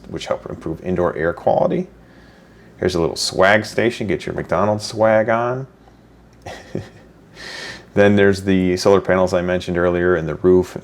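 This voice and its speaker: A man's voice: sits low, vocal fry, darkish tone. A man vlogging on a city walk, talking in a casual, chatty, self-deprecating way. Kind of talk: casual walking tour vlog. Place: outdoors on a city street. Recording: street noise with passing cars. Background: traffic noise.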